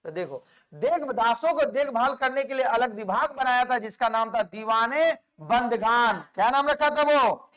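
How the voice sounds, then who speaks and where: Man, very high voice, smooth and resonant, exam-prep history teacher, repeats names, asks questions back. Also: normal speed, fairly bright tone. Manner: repeats key names and quizzes listeners; mixes English words into Hindi.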